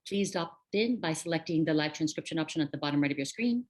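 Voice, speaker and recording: A woman host opens an online event with housekeeping announcements, read in a brisk, businesslike way. Her voice is notably low. She is heard over a video call. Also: animated.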